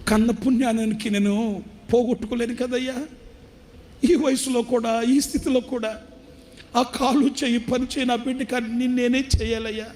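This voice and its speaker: A man's voice: mid-range voice, fairly even intonation, moderate pace, long pauses, mellow, natural voice. A man voicing a starving elderly retired man who weeps and begs for food in a trembling voice. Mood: grieving lament. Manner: weeping, begging, trembling voice.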